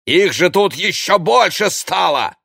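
A man voicing an angry, blustering town mayor who shouts threats, in an audiobook. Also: high-pitched, lively intonation, a little slow, gravelly, no echo, clean studio sound, pitched above the performer's own voice, heavily acted. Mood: furious. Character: furious bullying small-town male mayor.

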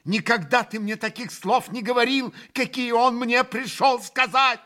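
A man's voice: very high voice, measured pace, bright, forceful tone, pitched above the performer's own voice, exaggerated voice. A man reading aloud and voicing a passionate young woman who lurches between fury and tears, with hysterical cries. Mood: anguished frenzy. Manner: hysterical outbursts, bitter and sobbing.

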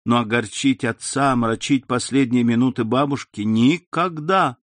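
A man's voice: medium pitch, moderate pace, no echo, lightly acted. A man voicing a young woman torn by family duty, pleading in a raised voice. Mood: distressed.

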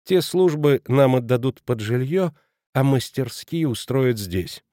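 A man's voice: mid-range voice, lively intonation, dark tone, no echo, studio quality, lightly acted. A man voicing a musing, stubborn villager. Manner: musing, deliberate.

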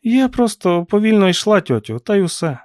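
A dreamy young girl giving light, evasive answers in a raised, soft voice, as a male narrator puts her on. Close, dry audiobook sound. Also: high voice, very animated, a little fast, no echo, voice pushed up.

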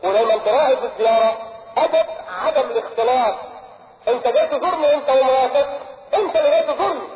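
Egyptian male preacher, quick and animated, very high pitch, roomy lo-fi lecture recording. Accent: Egyptian Arabic. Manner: lively, animated, acts out little dialogues. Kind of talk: sermon lecture. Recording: echoey hall, tinny old tape.

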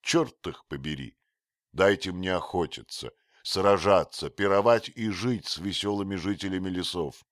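A man's voice: sits low, no room sound, clean studio sound, pitched above the performer's own voice. A man doing Dick, a blunt young archer. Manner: loud and forceful.

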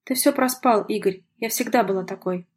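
A woman voicing a self-assured young woman in an audiobook, reading her lines in a calm, weary, ironic way. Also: medium pitch, normal speed, husky, natural voice.

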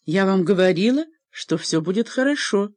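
Audiobook: earnest, wavering young noblewoman, read by a woman, animated pitch. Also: moderate pace, no room sound, natural voice. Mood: nervous. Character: young noblewoman, anxious yet stubborn.

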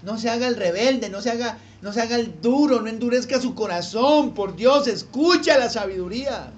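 A high-pitched male pastor delivers a sermon to his congregation in a church hall. He keeps asking them rhetorical questions to pull them along. A faint background noise runs beneath his voice. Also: moderate pace, muffled recording.

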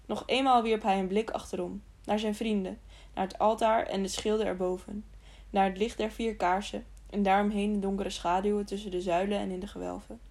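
A woman narrates an audiobook of a children's novel. Her reading is steady and plain, with occasional slips and restarts. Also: medium pitch, a little fast, hardly any pauses.

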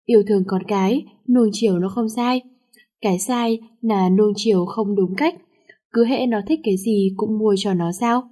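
A woman's voice: mid-range voice, moderate pace, warm tone, close to an everyday voice. A woman voicing a harsh, scolding middle-aged father. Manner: gruff, scolding.

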